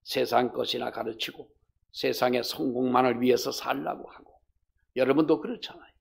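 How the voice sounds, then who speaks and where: A male pastor with a gravelly voice, preaching a fervent sermon that swings between loud exhortation and hushed storytelling. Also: mid-range voice, normal speed.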